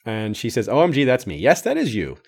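A man's voice: medium pitch, huge pitch swings, a little fast, creaky, darkish tone, breathy edge. Man reading listener comments aloud. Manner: reads comments aloud, adds own remarks with laughs. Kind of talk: casual livestream chat. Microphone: streaming microphone.

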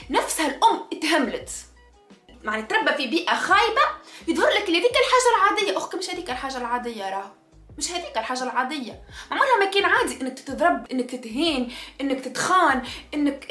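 Tunisian woman ranting to camera, talks fast, keeps repeating stuff for emphasis, echoey room. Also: high-pitched, fairly bright tone. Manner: passionate, emphatic, repeats key phrases. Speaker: vlogger. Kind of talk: spontaneous monologue to camera.

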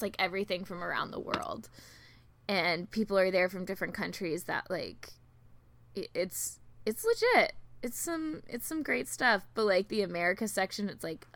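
A woman with very lively, swinging intonation talks in a casual, rambling podcast style, close and dry. Her words come out slightly thick, as with a swollen tongue. She is giggly and makes fun of herself. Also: mid-range voice, dry recording. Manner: giggly, self-deprecating, filler-heavy rambling. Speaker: podcast co-host. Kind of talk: casual chat.

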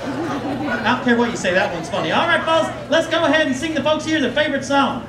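Man playing a corny, high singing cowboy on stage. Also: a little fast. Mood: hammy. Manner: corny joke-telling and drawling singing. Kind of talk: live stage show. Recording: distant echoey stage, music, cheering crowd.

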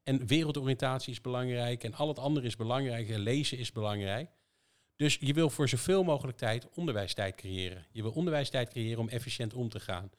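In a relaxed podcast conversation, a man from an education software company explains how his system works for schools, speaking fairly quickly at a mid-range pitch. He drives his points home with lots of rhetorical questions.

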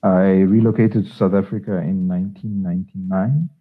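A man's voice: deep voice, little pitch movement, moderate pace, slightly rough. A middle-aged man from Zambia, a children's author answering interview questions with many hesitations and restarts. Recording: tinny phone-like line.

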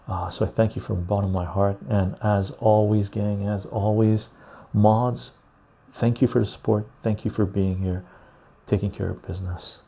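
A man hosting a casual live stream into a clip-on lapel mic, chatting to viewers in a chill, husky, gravelly voice. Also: lowish voice, flat delivery, warm tone. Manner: chill, unhurried talk addressed to viewers. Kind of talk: casual livestream chat.

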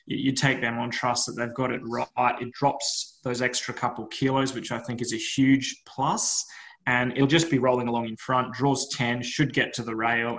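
An Australian man with a mid-pitched voice chats through horse racing analysis as a co-host. He is informal, offering his picks as personal hunches. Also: fairly bright tone, rough recording. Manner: informal, hedging with "I think" and "I reckon". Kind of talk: casual racing analysis chat.

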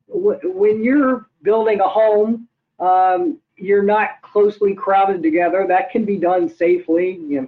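An older man, an economist, explaining figures in a measured way with many hesitations. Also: high voice. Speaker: guest economist. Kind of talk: interview answers. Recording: tinny phone-like line.

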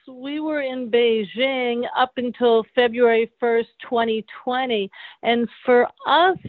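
A woman guest recounts her story in a halting way, her voice coming through a low-quality stream. The sound is thin and phone-like. It has no room echo at all. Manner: recounting in a halting way with fillers and restarts. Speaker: gallery director, guest. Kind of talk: interview answers. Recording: dry, tinny remote call line.

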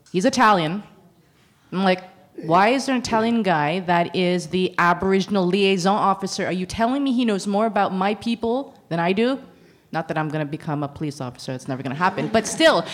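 A woman speaking at a public university talk, blunt and sarcastic, acting out the conversations she recalls. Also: lowish voice. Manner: blunt, sarcastic, acts out quoted exchanges. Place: university lecture event.

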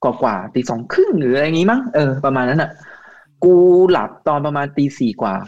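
A man's voice: mid-range voice, sing-song, brisk, muffled recording. A man co-hosting a casual football podcast, talking bluntly with crude slang. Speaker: podcast co-host.

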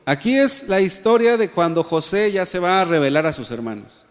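A high-pitched man with a Mexican accent delivers a sermon, rising to strong emphasis and then dropping to soft asides. His voice rings out in a church hall with a long reverb. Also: lively intonation, moderate pace. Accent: Mexican Spanish. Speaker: pastor.

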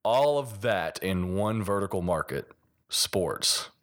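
A man from Kentucky with a mild Appalachian accent hosts a solo podcast, explaining things conversationally and using examples. His voice is low, fairly bright, and expressive, at a slow pace; he is a podcast host and sports designer.

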